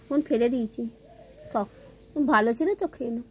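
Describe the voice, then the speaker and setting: A woman's voice: fairly high pitch, fairly quick, a little mellow. A woman filming her pet cat at home, coaxing it to eat in cooing baby talk. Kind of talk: casual home video.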